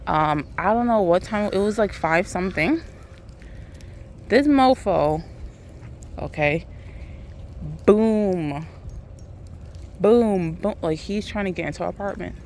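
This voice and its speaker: A woman with an American accent vlogs while out on a walk, casually telling viewers a story at a slow pace with long pauses. Her medium-pitched voice turns animated as she acts out what people said. Outdoor ambient noise runs underneath.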